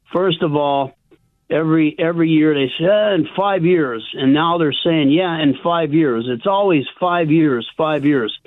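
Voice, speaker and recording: A man's voice: fairly high pitch, no echo. An older man calling in to a radio show over a phone line, chatty and emphatic, calling the host "bro". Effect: phone-line caller audio.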